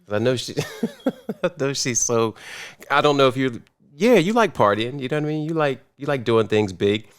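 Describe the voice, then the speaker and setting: A man of thirty-seven co-hosting a podcast, talking in a relaxed, casual way with slang and supportive back-and-forth. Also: medium pitch, moderate pace, clear, resonant tone. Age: 30s. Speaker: podcast co-host. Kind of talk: casual chat.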